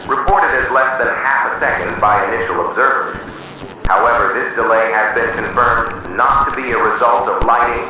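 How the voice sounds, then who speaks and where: In a noisy, far-off emergency broadcast with heavy echo, a man reads a scripted horror announcement. His mid-range voice stays official, solemn, and measured.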